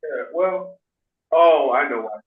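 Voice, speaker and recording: Man, slightly high voice, rambling caller heard over a crackly, fading, tinny phone line. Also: lively intonation, takes it slowly, recorded from a distance. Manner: rambling, with many fillers and restarts. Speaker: community member reporting to a meeting. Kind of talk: casual call-in chat.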